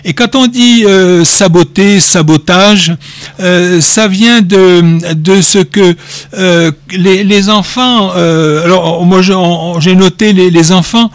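A man's voice: high-pitched, slow pace, no echo. A man giving an informal talk on word origins, digressive and joking, with many hesitations and repeated words. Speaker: speaker explaining word origins.

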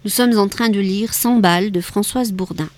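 A woman reading a novel aloud in a steady, measured narrating voice. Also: medium pitch. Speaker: audiobook reader.

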